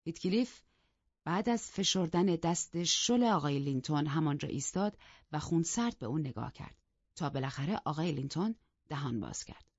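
Low-voiced woman narrating a novel. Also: breathy edge, dry recording. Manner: calm, even storytelling. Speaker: audiobook narrator. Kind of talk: scripted narration. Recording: dull lo-fi, dry.

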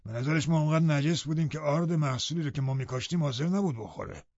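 A man puts on a sour old servant who grumbles and disapproves of everything set before him. The voice sits a bit further from the mic than the rest of the reading, dark in tone, with a dry, dull lo-fi sound. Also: a little high, no echo. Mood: grumbling. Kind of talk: audiobook character reading.

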